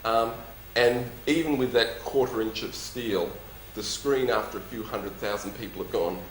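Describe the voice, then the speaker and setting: A man's voice: fairly low pitch, moderate pace. A man with a lisp speaking as a company executive in a question-and-answer session, with a jovial, dryly humorous, emphatic manner. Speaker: company executive presenting and taking audience questions. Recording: roomy echo, faint background noise.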